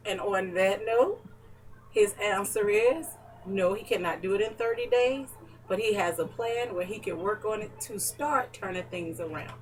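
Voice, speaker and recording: A woman's voice: mid-range voice, normal speed, far from the mic, slight background noise, poor audio. A woman interviewing her neighbor in a casual home chat, chatty and playfully teasing. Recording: voice from away from the mic.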